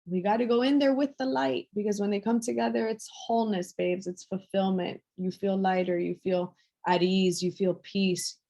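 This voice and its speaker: A woman leading a group coaching call, speaking softly and affectionately and lingering over repeated words. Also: medium pitch, flat delivery, moderate pace. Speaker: women's empowerment coach.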